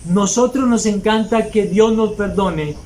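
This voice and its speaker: Emphatic high-voiced preacher. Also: male voice, a little slow, a little mellow, a little hiss or hum, low-quality recording. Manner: emphatic preaching, mocking hypocrites in mimicked asides. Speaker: pastor. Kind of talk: sermon.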